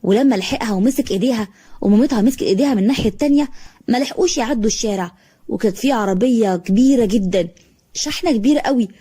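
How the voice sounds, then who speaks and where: Egyptian woman storyteller, quick, warm, slightly high. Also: breathy edge. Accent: Egyptian Arabic. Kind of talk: scripted story narration.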